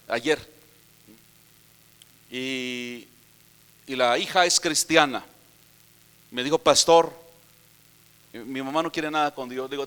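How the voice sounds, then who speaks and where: A middle-aged Mexican man preaching a sermon as a pastor, telling stories quietly and then urging the youth loudly. He says he is short on sleep. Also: a little high. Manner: storytelling preacher, shifts from quiet retelling to loud exhortation. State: tired.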